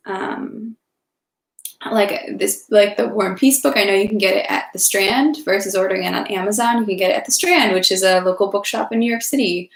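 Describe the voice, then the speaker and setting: A woman reads a novel aloud on an informal livestream, speaking casually and naturally. Her voice sits in the mid range with some vocal fry. The sound is roomy and echoey, typical of a livestream.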